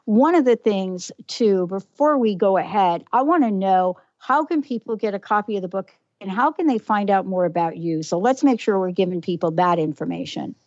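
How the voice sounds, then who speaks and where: A woman's voice: medium pitch, expressive, moderate pace, few pauses, a little mellow, dry recording. A woman with a New York accent hosting a radio talk show, effusive and emphatic as she introduces and questions her guest. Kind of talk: casual radio interview. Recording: dull lo-fi radio audio, dry.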